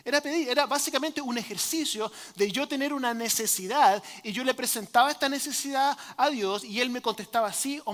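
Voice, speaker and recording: A male pastor preaches to his congregation, trading jokes with them and often pausing on fillers. His voice sits very high and sounds bright and sharp. It rings out with the long reverb of a church sanctuary. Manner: joking with the congregation; filler-heavy, hesitant delivery. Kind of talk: sermon.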